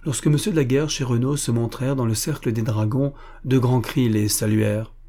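A man narrating an adventure novel as an audiobook in a measured, even storytelling manner. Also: medium pitch. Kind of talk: scripted narration.

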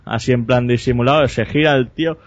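A man with a Spain Spanish accent, talking at a mid-range pitch and a quick pace, tells an anecdote as a podcast host in a casual storytelling chat. He rambles, corrects himself, and cracks crude jokes with plenty of swearing. The lo-fi podcast audio sounds dull and dry, with no echo.

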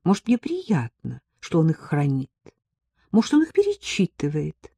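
A woman's voice: low-pitched, huge pitch swings, normal speed, gravelly, dark tone, slightly rough, no echo, studio quality, full character voice. A woman voicing an impulsive, wealthy young woman who pleads and coaxes, then turns defiant, in an audiobook. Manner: pleading and coaxing, flares up defiantly.

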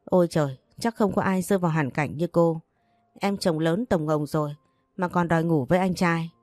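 A woman's voice: fairly low pitch, moderate pace, darkish tone, no echo, clean studio sound, close to an everyday voice. A woman playing a blunt, defiant young wife. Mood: exasperated. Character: stubborn young wife who won't be bullied.

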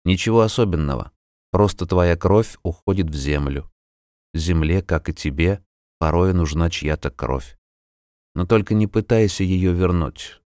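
A man playing a calm, ghostly tightrope walker who keeps dreams and speaks softly and slowly, in an audiobook. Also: low voice, no room sound, clean studio sound. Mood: soothing. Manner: soft, slow, soothing.

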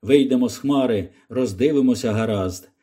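A man's voice: medium pitch, moderate pace, mellow, breathy edge, pitched below the performer's own voice, close to an everyday voice. A man doing a hearty Texan balloonist. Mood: calm friendly. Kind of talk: audiobook character voice.

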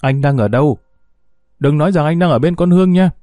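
A man's voice: mid-range voice, fairly quick, no room sound, studio quality, lightly acted. A man voicing a scheming, pregnant young woman who pleads and whines in an audiobook story. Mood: demanding. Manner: whiny, pleading, sharp when crossed. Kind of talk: audiobook character voice.

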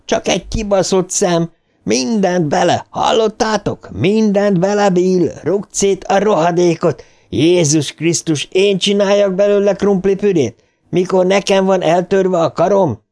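A man doing a frantic frail boy shouting. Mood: frenzied shouting. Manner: shrieking, high, frenzied yells.

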